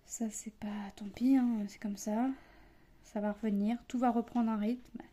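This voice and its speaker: A woman's voice: on the high side, flat delivery, measured pace, dark tone. A woman chatting casually while she does cross-stitch, rambling with many fillers and restarts. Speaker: cross-stitch vlogger, mother.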